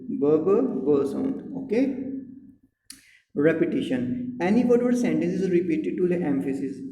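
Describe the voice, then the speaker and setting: A man teaching a poem as a Hindi-English lesson. He reads the English lines slowly, explains them in Hindi and keeps checking in with his students. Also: on the high side, mellow. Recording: echoey room with long reverb, faint ambient noise.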